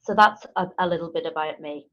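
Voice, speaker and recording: A woman in her thirties talks as a guest in a casual interview. Her voice sits a little low, and she is enthusiastic, with plenty of ums. The sound is dull and lo-fi. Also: a little fast, a bit bright. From Ireland. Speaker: nurse guest.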